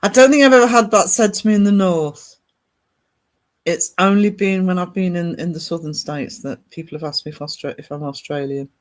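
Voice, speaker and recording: A northern English livestream host with a British accent and a high voice chats briskly and ramblingly with his viewers, reading out their comments and answering them.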